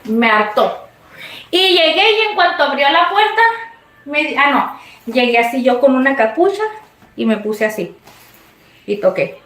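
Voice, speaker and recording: Mexican woman host, chatty live-stream storyteller, lively high voice, roomy echo. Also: unhurried, pauses often. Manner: animated, swoops high when retelling scenes. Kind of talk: casual storytelling to viewers.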